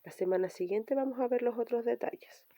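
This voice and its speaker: A woman's voice: on the high side, brisk, warm tone, dry recording. A woman teaching a recorded language lesson, patiently explaining and restating each point. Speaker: primary school teacher.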